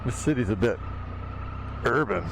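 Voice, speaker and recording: A man's voice: mid-range voice, very animated, normal speed, creaky. A man gives casual, slangy commentary to himself while riding a motorbike. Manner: chatty, slangy, musing to himself. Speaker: motorcycle vlogger. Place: outdoors on a moving motorbike in wet city traffic. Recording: outdoor wind, engine and traffic noise. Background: wind, vehicle and road noise.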